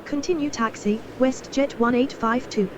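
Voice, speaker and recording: A brisk female airline pilot , voiced by a woman, calls ground control over the game's radio. Her voice sits fairly high. It comes through dull and distant, with loud airport noise under it. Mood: routine. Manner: terse, formulaic readbacks. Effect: pilot heard over the radio, distant. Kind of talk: clipped radio calls to air traffic control.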